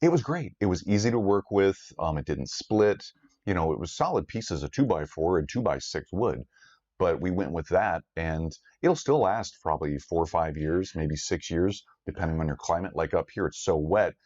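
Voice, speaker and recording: Male co-host, very deep voice, laid-back and filler-heavy, muffled stream audio. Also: normal speed. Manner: relaxed, many ums and uhs. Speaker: gardening live stream co-host. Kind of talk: casual chat.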